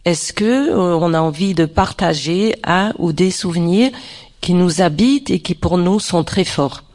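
Slow-paced woman facilitating a discussion. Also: lowish voice, a little mellow. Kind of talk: introducing a group discussion, unscripted.

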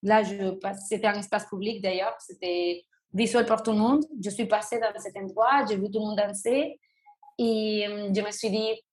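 A young woman speaks in a casual, halting way. She often stops to restart her sentences and fills the pauses with hesitations. Her voice carries in a noticeably roomy, echoing space. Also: medium pitch, fairly even intonation, a little mellow. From Venezuela. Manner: halting, frequent restarts and fillers. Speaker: guest, breakdancer. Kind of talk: casual interview answers. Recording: roomy echo.

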